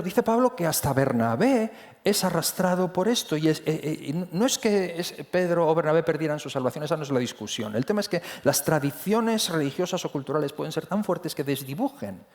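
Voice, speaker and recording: A man's voice: a little high, expressive, brisk, a little mellow. A man preaching a sermon in a church, talking conversationally and often restarting his phrases. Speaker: pastor. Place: church hall.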